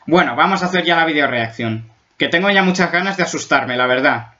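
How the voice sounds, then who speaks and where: Joking Spanish man reacting, bright voice. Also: a little high, fairly quick, dull audio, a little hiss or hum. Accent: Spain. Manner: exaggerated, joking, easily spooked. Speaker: YouTube reactor. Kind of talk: casual video reaction.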